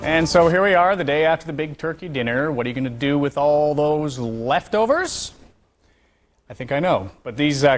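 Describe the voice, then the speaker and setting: A man hosts a TV segment with a casual introduction. His voice sits a little high. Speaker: television host.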